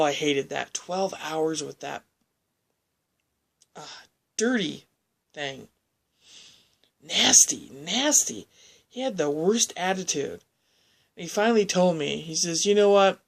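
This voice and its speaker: A woman telling a personal story in a halting, rambling way, often restarting her sentences. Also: low-pitched, vocal fry.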